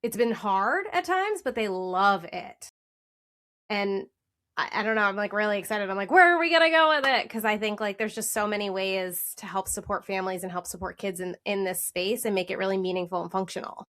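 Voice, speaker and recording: A woman's voice: mid-range voice, brisk, a bit bright. A woman hosting a podcast, talking eagerly in casual chat and often restarting her sentences.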